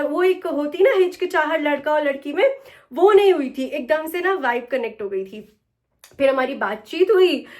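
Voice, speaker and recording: A young woman vlogging at home in casual chat, talking chattily and mixing English phrases into her speech. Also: sits high. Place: home, getting ready.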